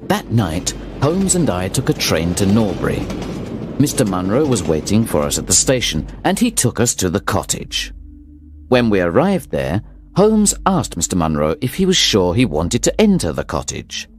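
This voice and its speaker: A man reads a story aloud in a steady, clear narrating manner. His voice is very deep yet moves with lively rises and falls. Soft music runs quietly underneath. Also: moderate pace.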